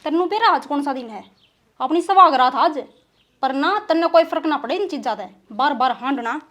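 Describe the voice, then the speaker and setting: A woman playing a sulky young wife with a Haryanvi accent. Her voice is high and scolding, and her temper flares quickly. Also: expressive, a bit bright. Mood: sulking.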